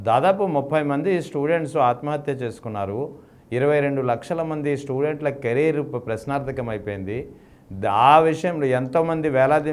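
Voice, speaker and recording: Man, news anchor, mid-pitched, probing, political debate.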